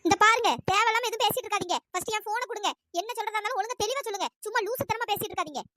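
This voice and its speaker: A defiant young cartoon woman, put on by the channel's performer who snaps back at every accusation. Her voice is squeaky-high and rushed, recorded dry and close. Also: pushed and bright, no echo. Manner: snapping back, indignant. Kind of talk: cartoon story voice acting.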